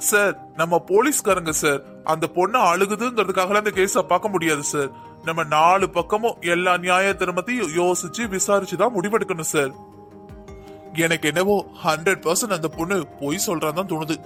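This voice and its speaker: A high, quick male voice for a man playing a cocky young cartoon policeman who argues every point. He presses his case in a hurried, insistent way over light music. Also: fairly bright tone. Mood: arguing. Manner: boastful, argumentative. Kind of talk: cartoon dubbing.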